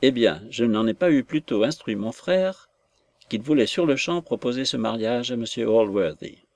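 A proud, stern older aunt, voiced by a male reader, lays down the law in an audiobook. Her delivery is imperious and scolding, that of a matron quick to fury, read in a medium-pitched voice. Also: expressive, gravelly, a little mellow, no echo. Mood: commanding.

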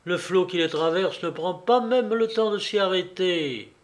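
Audiobook role: a man voicing a reproachful English gentleman, measured pace, slightly high voice. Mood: angry. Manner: heated, reproachful. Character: angry honorable young English gentleman. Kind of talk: audiobook character reading.

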